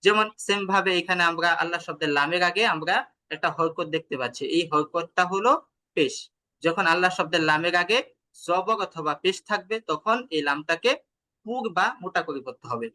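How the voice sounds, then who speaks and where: A Quran recitation teacher with a Bangladeshi Bengali accent teaches tajweed in an online class, explaining patiently, asking questions, and chanting examples slowly. His voice is high-pitched, bright, and forceful.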